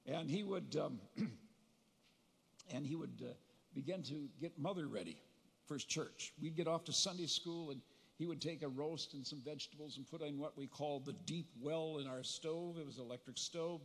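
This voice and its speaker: An older man gives a funeral eulogy for his brother at a podium microphone, telling family stories with gentle humor and pauses to recall details. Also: fairly high pitch, creaky, slightly rough. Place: large funeral hall. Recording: long reverb of a large hall.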